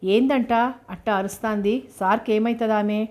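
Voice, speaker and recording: A woman's voice: medium pitch, fairly even intonation, normal speed, a little mellow, close to an everyday voice. A woman reading the part of a nosy, prying older housemaid who speaks in a rustic way. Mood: curious. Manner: curious, prying.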